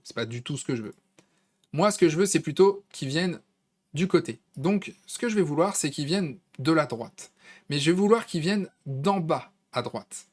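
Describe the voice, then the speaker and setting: A man with a French accent walking viewers through a design tool in a casual, conversational screen-recorded tutorial, with plenty of fillers. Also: fairly high pitch. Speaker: tutorial host.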